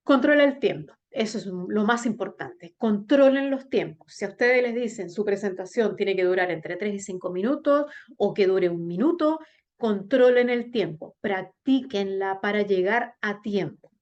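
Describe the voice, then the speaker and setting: A woman teacher giving a class on public speaking, talking straight to her students and checking in with "¿bien?", with big swings in pitch and slow, sung-out demonstrations. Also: darkish tone. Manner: addresses students directly with frequent "¿bien?" check-ins. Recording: dull lo-fi recording.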